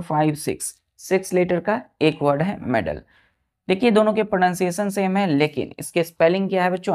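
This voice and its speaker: Woman teacher going real slow, spells words out letter by letter, keeps asking the kids questions. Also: fairly low pitch, darkish tone. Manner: repeats each word and its meaning patiently. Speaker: English vocabulary teacher. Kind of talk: online exam-prep lesson.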